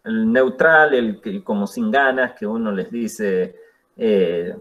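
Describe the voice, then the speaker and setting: A man teaching an English class, explaining slowly and patiently with spoken examples. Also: fairly low pitch, fairly bright tone, muffled recording. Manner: slow, patient explaining with demonstrations. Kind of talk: classroom lesson.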